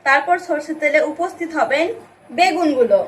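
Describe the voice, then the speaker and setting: Young female vlogger, high voice, chatty and playful, home kitchen, phone mic, light background noise. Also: a little fast. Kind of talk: casual cooking vlog.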